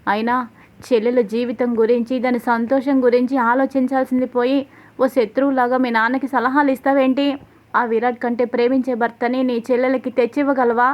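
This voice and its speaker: A middle-aged wife and mother, sharp and scolding toward her son, in a storybook retelling, spoken by a woman. The voice is high and level, on a slightly dull recording. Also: lightly acted.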